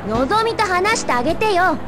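High, sassy young woman. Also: lively intonation, brisk, background noise. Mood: snippy, squeamish. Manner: blunt, casual, snippy. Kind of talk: video game voice acting. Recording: music behind the voice.

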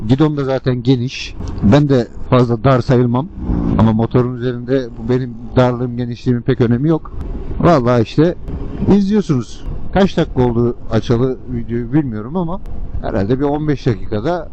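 A man's voice: mid-range voice, fairly quick. A man giving casual, rambling and colloquial commentary to viewers from inside a helmet while riding a scooter in traffic. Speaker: motovlogger. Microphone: helmet-mounted microphone. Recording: muffled helmet mic, loud engine and road noise. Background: vehicle and traffic noise.

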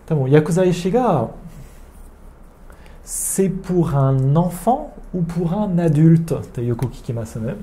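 Slow, dark-voiced man teaching French. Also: fairly high pitch, animated. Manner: slow and deliberate, repeating French words carefully for learners. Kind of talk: online language lesson explaining French phrases.

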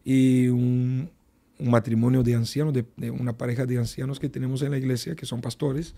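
A pastor speaks as a guest on a radio program, telling a testimony in a gravelly, husky voice. His tone is dark and mellow, and he takes his time, with plenty of fillers and repeated words. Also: mid-range voice, flat delivery. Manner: unhurried storytelling with many fillers and repetitions.

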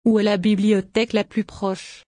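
Mellow-voiced woman reading French phrases. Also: mid-range voice, level tone, dry recording. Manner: measured, evenly paced phrase reading. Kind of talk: reading isolated phrases for a language course.

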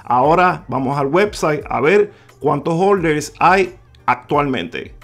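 A man narrates over a screen recording, his voice sitting on the higher side. he speaks straight to his viewers, walks them through each number and repeats it slowly. faint music plays softly under his voice. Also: expressive. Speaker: crypto video host. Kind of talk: screen-share explainer talk.

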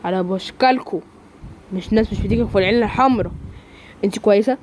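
A woman with an Egyptian Arabic accent voicing a calm, protective young man in a lowered, steady voice. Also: quick pace, slight background noise, close to an everyday voice.

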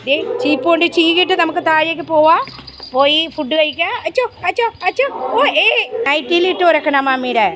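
A woman's voice: high voice, a little fast, noisy background. A woman pet vlogger chatting casually and talking to her dog in doting baby-talk, coaxing and scolding it on a sunny rooftop.

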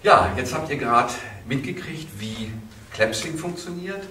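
A man's voice: on the high side, animated, a little slow, sharp tone. A man coaching a client live before a group, playful, provocative and theatrical in his delivery. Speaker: coach and therapist. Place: seminar room. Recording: echoey room, far mic, clear hiss.

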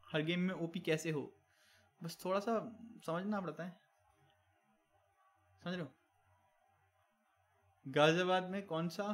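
A man's voice: a little high, fairly bright tone. A young man live-streaming, reading out viewer chat with teasing banter and tossing in English catchphrases. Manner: mixes English catchphrases into Hindi. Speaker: game streamer.

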